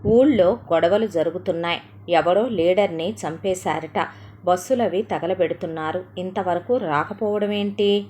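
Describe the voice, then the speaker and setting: A woman voicing a young adult son who stays steady and practical while his mother panics. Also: on the low side, a little slow, close to an everyday voice.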